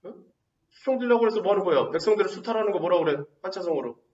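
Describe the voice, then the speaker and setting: A man's voice: sits high, animated, a little mellow, far from the mic, lo-fi sound. Man teaching in an echoey classroom. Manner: quizzing students with rapid rhetorical questions. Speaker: Korean literature teacher. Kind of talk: exam-prep lecture.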